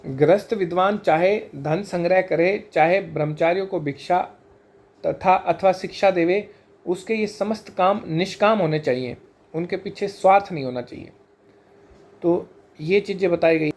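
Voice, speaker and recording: A man giving an explanatory scripture lesson, measured, slowing down to spell out sacred terms one by one. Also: high-pitched, darkish tone. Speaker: teacher of Vedic scripture.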